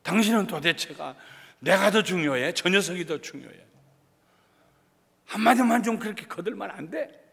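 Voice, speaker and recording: A pastor voicing an exasperated wife who scolds her husband in quick, indignant bursts, heard in an echoey church hall. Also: high voice, expressive, creaky, a bit bright, slightly rough, voice pushed up, heavily acted. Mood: exasperated scolding.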